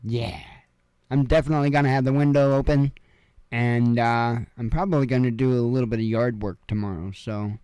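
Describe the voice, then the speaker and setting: Brisk and steady, a man with a medium-pitched, dark, clean-toned voice reads news headlines casually at home, adding rambling asides thick with fillers. He's a news commentary host from Illinois, and the recording has no room sound.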